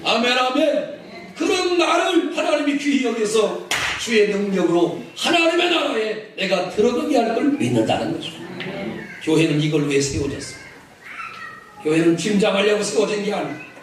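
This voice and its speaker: Animated male preacher in an echoey hall. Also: high voice, moderate pace. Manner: animated, leads call-and-response, shouts for emphasis. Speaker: pastor. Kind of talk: lively sermon to a congregation. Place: large church hall. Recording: echoey hall, mic from a distance, noisy.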